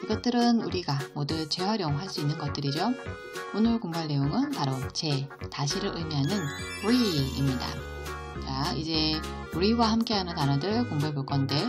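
A woman teaching an English vocabulary lesson, explaining each word slowly and patiently and asking her students questions along the way. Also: sits low. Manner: slow, patient explanation with question-and-answer prompts.

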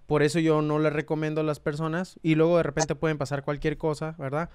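A male host calmly explaining things step by step in an interview. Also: fairly high pitch, fast talker, smooth. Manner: calm, explains step by step with fillers.

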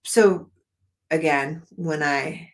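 A middle-aged woman with a deep voice talks very slowly to viewers on a live art stream from her home studio. She rambles casually, addresses them directly, and is losing her voice a little.

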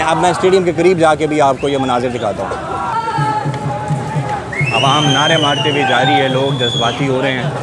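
A young man giving a walking on-the-spot video report through busy city streets at night, with running commentary as he moves. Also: fairly high pitch. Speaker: vlogger reporting from a rally. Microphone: lapel mic. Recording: loud crowd and street noise. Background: loud crowd chanting, traffic.

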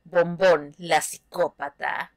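A woman's voice: fairly low pitch, steady tone, slow pace, no echo. A woman who hosts a reaction video and gushes over cartoon clips in casual commentary. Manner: gushing, exclaiming and laughing at the clips.

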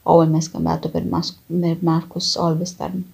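Woman reader, very breathy and gravelly, dark tone, measured novel narration. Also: completely flat delivery. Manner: measured, low-key first-person narration. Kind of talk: dramatic reading of a novel.

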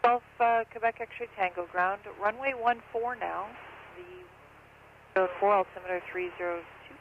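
A man's voice: high-pitched, moderate pace. A man giving clipped, procedural taxi instructions as a ground controller over the radio. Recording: thin phone-like radio with faint static.

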